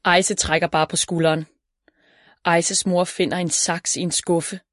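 A woman reading a children's story aloud in a calm, even storytelling voice. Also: on the low side, no room sound, studio quality. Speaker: narrator.

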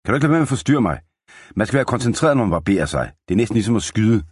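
A man's voice: on the low side, expressive, mellow, breathy edge, no echo, pitched above the performer's own voice. A man voicing a boastful teenage cowboy boy who snaps and raises his voice. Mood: snappish. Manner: snappish, raised voice. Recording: dry close studio sound.

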